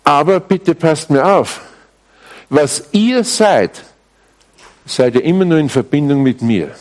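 A man preaching a sermon to a live congregation, emphatic and deliberate, with wry asides to his listeners. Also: on the high side, a little mellow. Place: church service before a live congregation.

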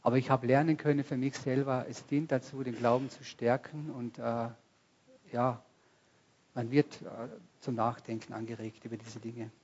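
A man's voice: mid-range voice, flat delivery, moderate pace, a little hiss or hum. A man with a middle-range voice preaches a sermon to his congregation in a conversational way, putting questions straight to the listeners. The recording sounds somewhat dull and lo-fi. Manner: rises to loud bursts when quoting cries. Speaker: pastor. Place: church service before a congregation.

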